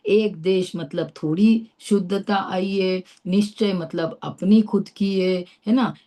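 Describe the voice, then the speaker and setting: A middle-aged woman from India leads a philosophy lesson in a mellow, warm voice at a middling pitch. She explains step by step and keeps asking her listeners whether they follow. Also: takes it slowly. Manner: explains patiently with rhetorical checks. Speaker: teacher of Jain philosophy. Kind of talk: explanatory Q&A class.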